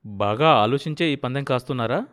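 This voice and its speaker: A man's voice: fairly high pitch, sing-song, normal speed, voice pushed up. A man voicing a cheerful, teasing wealthy film producer who likes to challenge people in a story reading. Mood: jovial.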